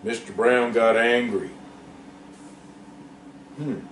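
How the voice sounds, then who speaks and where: Slow folksy male storyteller. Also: mid-range voice, a little mellow, slight background noise. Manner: unhurried, thinking aloud with pauses. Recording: roomy, distant, faint ambience.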